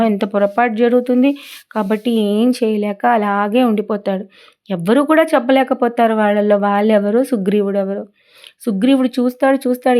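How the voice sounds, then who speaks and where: A woman telling an epic story to children, lively and full of questions to her listeners. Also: mid-range voice. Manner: animated, asks the listeners questions.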